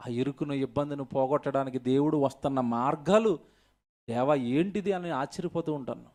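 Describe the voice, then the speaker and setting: A man's voice: a little high, darkish tone. A male pastor preaching an emphatic sermon at a church service, firing rhetorical questions at the congregation.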